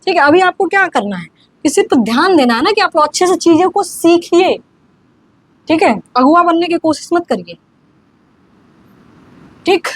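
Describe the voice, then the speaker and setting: A young woman teaches grammar in a loose, chatty way, often checking that her students are following. She reads example sentences slowly, word by word, in a high voice. The recording is dry and close, with no room echo. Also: expressive. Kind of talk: casual online grammar lesson.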